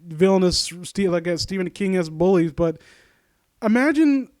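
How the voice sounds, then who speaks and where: In a dry, studio-quality recording, a man with a high-pitched, darkish voice speaks at a moderate pace with lively intonation. He's a critique-series host reading a story and commenting casually on it. He's sardonic and informal, makes mock-supportive asides, and often stumbles over what he reads.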